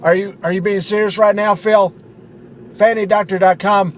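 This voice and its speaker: A man voicing a cranky, foul-mouthed barfly in a spoof radio ad, loud and irritable. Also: sits high, flat delivery, moderate pace, a little hiss or hum, natural voice.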